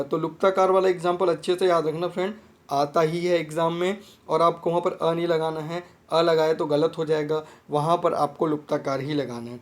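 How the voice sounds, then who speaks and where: A man teaching an exam-prep grammar lesson, often repeating himself and checking whether the students have understood. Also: on the high side. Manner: repetitive, checks understanding with "theek hai friend".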